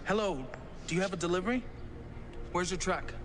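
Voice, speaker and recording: An actor playing a fussy, rule-bound warehouse worker in a comic film, nervously polite, officious and stammering. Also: male voice, high voice, brisk, music in the background, lightly acted. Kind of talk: comedic film acting. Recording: noisy movie location sound.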